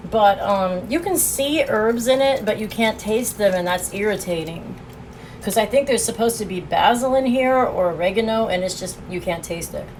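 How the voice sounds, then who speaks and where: A woman's voice: medium pitch, slight background noise, rough recording. A woman streaming a casual food review, chatting with her viewers and laughing often as she eats, recorded on a phone. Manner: chatty, laughs often, talks while eating.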